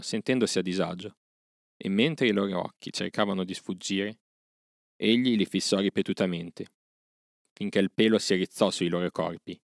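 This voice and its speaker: A man narrating a classic jungle story as an audiobook in a steady, even storytelling manner. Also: low-pitched, gravelly, no echo, clean studio sound.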